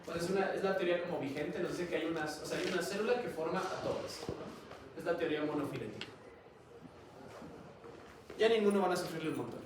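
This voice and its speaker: Guy teaching a class, kinda high voice, far from the mic in a really echoey room. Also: fairly quick, pauses often, noisy background. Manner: conversational, keeps asking students questions. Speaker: lecturer. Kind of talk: classroom lecture.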